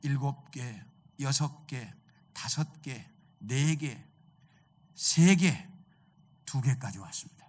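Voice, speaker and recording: A man's voice: mid-range voice, animated, slow pace, long pauses. A male pastor preaching a sermon, telling a story and asking the congregation rhetorical questions.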